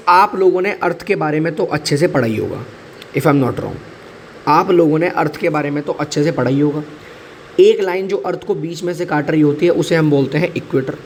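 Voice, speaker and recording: A male teacher explains current affairs for exams in a chatty, repetitive way, slipping English phrases into his Hindi. His voice sits a little high. A faint hiss of background noise runs under the recording. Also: darkish tone. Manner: chatty, mixes English into Hindi, repeats key points. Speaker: exam-prep teacher.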